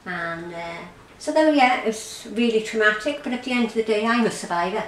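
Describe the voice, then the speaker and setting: An Irish woman recounts her own experience in a conversational interview, often halting and repeating words. Her voice sits in a roomy, echoing space with a faint hiss underneath. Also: medium pitch, expressive. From Ireland. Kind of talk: personal testimony in an interview. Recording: roomy echo, faint background noise.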